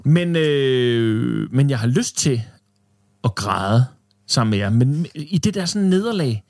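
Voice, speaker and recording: A man's voice: medium pitch, animated, darkish tone. A young man hosting a casual studio podcast, playful and teasing, laughing often. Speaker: podcast host. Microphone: studio mic.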